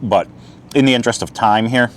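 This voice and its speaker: A man's voice: mid-range voice, a little fast, slight background noise. A man, chatting casually outdoors while tasting and reviewing a camp meal, talking with his mouth full. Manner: chatty, talks while eating. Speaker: outdoor vlogger. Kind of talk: casual food review vlog. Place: outdoor picnic spot.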